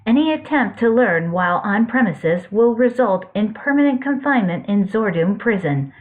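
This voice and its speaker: A woman voicing a computer security system that makes formal warnings over a facility loudspeaker. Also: mid-range voice, animated, normal speed. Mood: stern warning. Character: stern computer security voice, no sex given. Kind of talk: fan story reading. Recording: tinny phone-like lo-fi audio.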